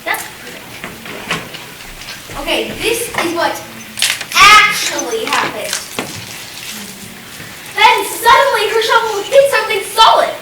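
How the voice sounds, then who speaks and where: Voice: extremely high pitch, lively intonation, slow pace, pauses often, heavily acted. A young performer playing a bossy storyteller who rewrites a scene and directs the others. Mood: narrating. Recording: very echoey room from far off with noise.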